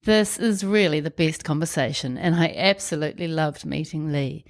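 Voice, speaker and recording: A congested woman with a New Zealand accent and a croaky, wheezy, blocked-up voice, hosting a podcast. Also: sits low, moderate pace. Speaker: podcast host. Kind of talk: podcast introduction and interview chat.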